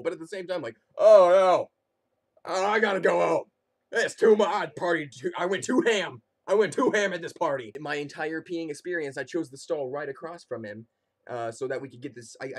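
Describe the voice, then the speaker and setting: A young man with a mid-pitched voice tells a comic personal story in a casual, conversational way. He is animated and slips into quoted reactions as he goes. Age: young adult. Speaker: comedic storyteller.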